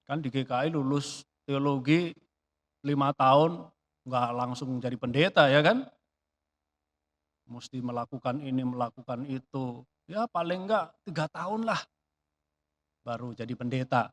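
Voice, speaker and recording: A man preaching a sermon in a church, chatty and lively, with rhetorical questions and sudden swings between loud emphatic bursts and quiet asides. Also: medium pitch. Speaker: pastor.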